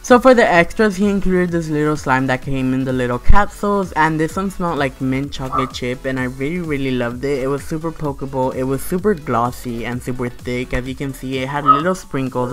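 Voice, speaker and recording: A man's voice: medium pitch, a little fast, hardly any pauses, over music. A man giving a casual, gushing voice-over product review, peppering it with "like", "super" and "you guys". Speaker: slime shop reviewer, video host.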